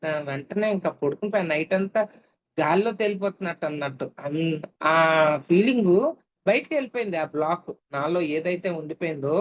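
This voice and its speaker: A middle-aged woman, a meditation teacher, telling a personal story in a reflective way with frequent pauses. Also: on the low side, lively intonation. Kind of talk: personal testimony talk. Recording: dull lo-fi recording with faint hiss.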